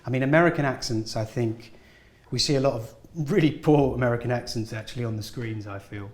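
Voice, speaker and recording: In a casual interview at a school event held in a film studio, a male guest actor shares sincere words of encouragement. His mid-range voice moves briskly, and the recording has the echo of a large room.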